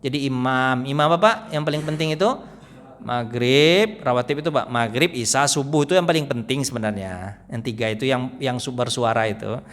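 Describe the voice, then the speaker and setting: A man preaching a morning study sermon in a mosque, chatty and full of questions to the audience, often acting out the people he quotes in a lower voice. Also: a little fast, a bit bright. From West Sumatra. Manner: conversational, keeps asking the audience questions. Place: mosque hall. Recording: long reverb in a mosque hall.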